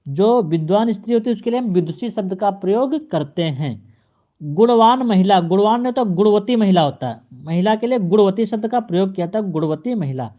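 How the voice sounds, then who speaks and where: A male teacher giving an exam-prep grammar lesson, addressing the viewer and repeating each correction in a steady drilling pattern. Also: high-pitched, a little fast, muffled recording. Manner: speaks straight to the viewer.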